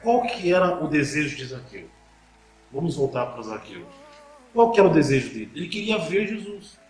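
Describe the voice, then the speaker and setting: A man's voice: a little high, sing-song, fairly quick, roomy sound, faint music behind, low-quality recording. A man preaching a sermon, asking the listeners rhetorical questions and often repeating words as he restarts a thought.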